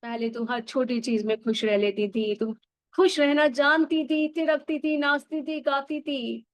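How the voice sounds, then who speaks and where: A woman's voice: high voice, steady tone, measured pace, no room sound, voice pushed up. A woman voicing a hurt, reproachful little girl, the inner child, who pours out complaints. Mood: scolding. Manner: scolding, pleading complaints.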